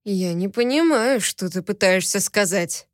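A woman voicing a menacing low-voiced alien captive. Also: expressive, no room sound, clean studio sound, close to an everyday voice. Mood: mocking. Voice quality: deep low voice. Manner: slow, threatening, sarcastic. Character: menacing powerful male alien captive, mocking.

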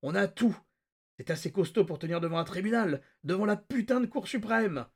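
A man voicing a frantic, excitable male psychiatrist who shouts and gasps as his voice leaps high. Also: fairly quick, breathy edge, exaggerated voice. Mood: triumphant. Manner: shouting, gasping, pitch leaping.

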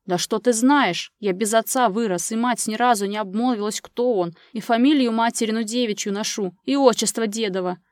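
A woman reading a furious man yelling back. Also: a little high, brisk, hardly any pauses, no echo, clean studio sound, natural voice. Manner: angry outbursts, raised and forceful. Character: hot-tempered man, shouting and defensive. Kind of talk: audiobook character reading.

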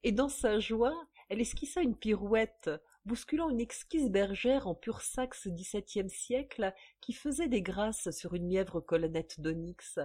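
A woman reading a serialized novel aloud in a measured, dramatic way. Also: medium pitch, animated, dark tone. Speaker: reader. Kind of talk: audiobook narration.

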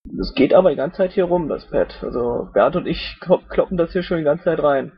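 A man with a fairly high, husky voice moderates an online meeting, brisk and casual as he hands over the floor. He sounds dull and a little distant. The recording is dry. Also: dry recording.

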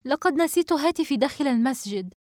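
A woman's voice: high-pitched, expressive, fast talker, a little mellow, no room sound, clean studio sound, voice pushed up. A woman reading a novel aloud, voicing an anxious young woman in urgent, pleading tones.

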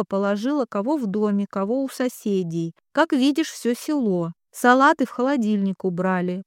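A woman's voice: fairly high pitch, clean tone, dry recording, studio quality, natural voice. A woman reading the part of an emotional young village bride who goes from pleading to tearful scolding. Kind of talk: audiobook character reading.

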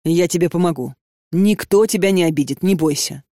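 A man's voice: a little high, fairly quick, dark tone, dry recording, close to an everyday voice. Woman voicing a domineering young man, hot-tempered, insistent, dry close sound, audiobook. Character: young man, controlling, quick to anger.

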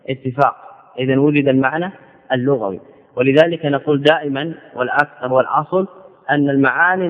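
A man teaching Arabic grammar in a lecture, repeating key phrases and asking himself questions before answering them. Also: mid-range voice. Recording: tinny lo-fi lecture recording in a reverberant hall.

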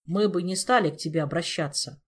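A woman's voice: fairly low pitch, a little fast, slightly rough. Woman doing a gloomy, blunt young prince. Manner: gloomy, grumbling.

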